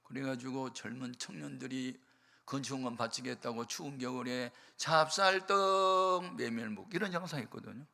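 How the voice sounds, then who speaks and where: Gravelly bright-voiced older preacher. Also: male voice, medium pitch, moderate pace. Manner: storytelling, emphatic, swings from quiet to loud. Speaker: pastor. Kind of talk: sermon. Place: church or prayer hall. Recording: long hall reverb.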